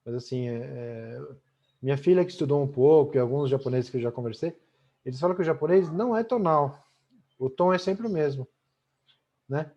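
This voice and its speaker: A middle-aged man with a medium-pitched, dark-toned voice and a Brazilian Portuguese accent runs a talkative online language lesson, tagging "né?" onto almost everything he says. The audio is muffled video call sound.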